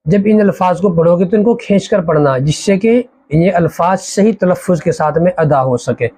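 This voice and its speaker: A man teaching a Quran reading lesson as an Arabic teacher, drawing out each letter slowly and explaining how to say it. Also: high-pitched, mellow, low-quality recording. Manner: slow, drawn-out recitation of letters with explanations.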